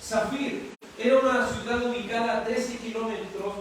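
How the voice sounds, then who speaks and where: Chilean male preacher, high voice, teaching tone, distant mic with heavy room echo. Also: fairly even intonation, normal speed, fairly bright tone, slight background noise. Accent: Chilean Spanish. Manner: explanatory, repeatedly checks understanding with rhetorical questions. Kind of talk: expository sermon. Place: church hall. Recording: echoey hall from far off.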